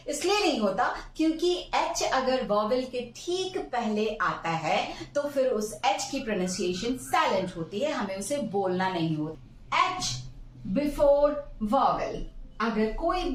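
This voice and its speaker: A woman teaching English pronunciation in Hindi and English, calling her viewers friends and repeating words slowly. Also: high voice, sing-song, echoey room, recorded from a distance, rough recording.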